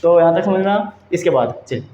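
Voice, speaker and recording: A man's voice: high voice, expressive, a little fast, warm tone. A man teaching a Hindi grammar lesson, explaining step by step, often checking in with his viewers and calling them friends. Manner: addresses viewers as friends, repeats "theek hai" often. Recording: echoey room, dull lo-fi sound, faint noise.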